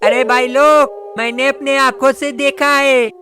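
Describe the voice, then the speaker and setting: A man voicing cartoon kids, talking in an excited, exclamatory way. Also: very high voice, measured pace. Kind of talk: cartoon voice acting. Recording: music playing behind.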